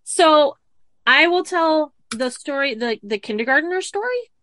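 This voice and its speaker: A woman's voice: high-pitched, lively intonation, measured pace, a bit bright, no room sound. Dry-sounding woman telling spooky tales. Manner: reads a child's story aloud, many ums. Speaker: podcast co-host. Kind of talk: casual storytelling chat.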